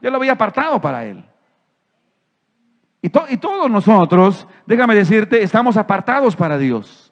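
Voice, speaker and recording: Impassioned male pastor, fairly high voice, drops to near-whispers then builds to emphatic shouts; dull, reverberant church-hall recording. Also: very animated. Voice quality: impassioned preaching. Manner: swings from quiet, drawn-out phrases to emphatic, shouted declarations. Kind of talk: sermon. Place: church sanctuary.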